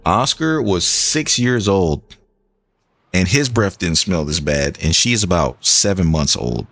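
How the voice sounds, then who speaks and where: A man's voice: sits low, expressive, unhurried, a bit bright. A young man streaming a game and chatting in a loose, rambling way, full of restarts and "like". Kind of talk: casual gaming commentary.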